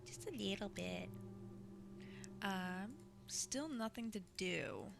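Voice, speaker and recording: A woman's voice: mid-range voice, lively intonation, slow, vocal fry. A woman streaming a video game, chatting in a sing-songy way and talking to her viewers as she plays. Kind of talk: casual gameplay commentary. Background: game music.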